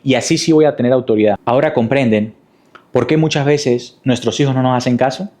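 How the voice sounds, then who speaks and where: A man's voice: medium pitch, a little fast, darkish tone. Man preaching with rhetorical questions. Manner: didactic, with rhetorical questions and repetition. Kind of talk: sermon.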